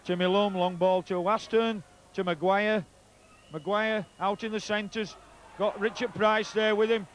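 Middle aged yorkshire bloke calling a rugby match, highish voice, bit of ground noise behind him. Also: male voice, steady tone, a little slow. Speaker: co-commentator, former player. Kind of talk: live rugby league match commentary. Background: stadium ambience and crowd.

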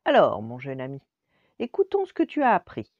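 A woman voicing a stern, pompous male singing teacher who scolds loudly and theatrically, with a dull lo-fi sound. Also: very deep voice, wildly swooping pitch, a little fast, no echo, full character voice. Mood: scolding.

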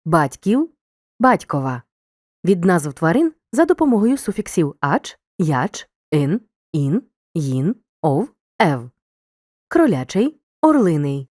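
Woman narrating a lively video lesson. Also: lowish voice, no echo, studio quality. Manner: clear, deliberate dictation of examples. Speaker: teacher.

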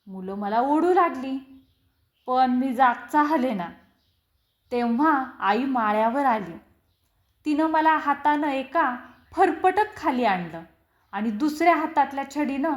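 A woman reading a children's story aloud in an expressive, deliberate storytelling manner. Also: high voice. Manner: slow, expressive, acts out quoted lines. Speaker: story reader. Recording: roomy echo.

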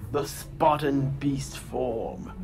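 A man voicing an arrogant Spartan warrior villain with a booming, grandiose, menacing delivery in a homemade fantasy story. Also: close to an everyday voice. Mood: gloating. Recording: noisy homemade recording.

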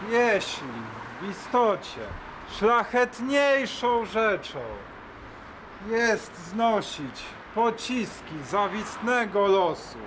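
A man's voice: high voice, lively intonation, extremely slow, fairly bright tone, slight background noise, low-quality recording. A man reciting a dramatic monologue in a theatrical, declamatory way.

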